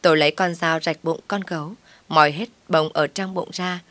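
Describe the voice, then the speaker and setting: Woman narrating a dramatic story, deep low voice, super dry close audio. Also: steady tone, normal speed, a bit bright, dry recording. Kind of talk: first-person dramatic storytelling.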